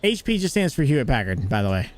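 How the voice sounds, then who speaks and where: A young American man hosts a casual gaming livestream, greeting viewers and cracking jokes as he plays. His medium-pitched voice is very animated and fast, and he keeps up a chatty stream of talk.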